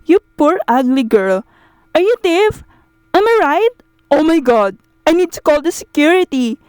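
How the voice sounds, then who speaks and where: A woman's voice: high voice, very animated, measured pace, darkish tone, dry recording. A woman voicing a snobbish, rude rich young woman who talks down to others. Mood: sneering. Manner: haughty, sneering, drawn out.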